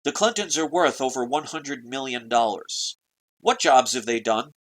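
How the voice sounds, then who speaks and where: Heard on a rough recording, this American man vlogs about politics in a fairly bright, medium-pitched voice at a moderate pace. His to-camera monologue is urgent and preachy, full of rhetorical questions aimed at viewers.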